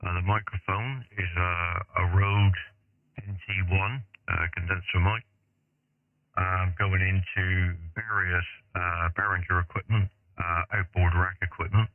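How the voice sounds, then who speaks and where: A man's voice: sits low, level tone, unhurried, dry recording. A man, an amateur radio operator, gives his details in a friendly, easygoing way, heard over a narrow shortwave radio signal. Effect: narrow shortwave radio sound. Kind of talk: on-air radio contact.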